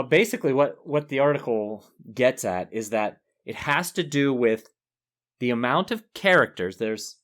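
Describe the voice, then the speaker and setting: A man's voice: mid-range voice, a bit bright. A man co-hosting a podcast in casual chat, talking easily and laughing often. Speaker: podcast co-host.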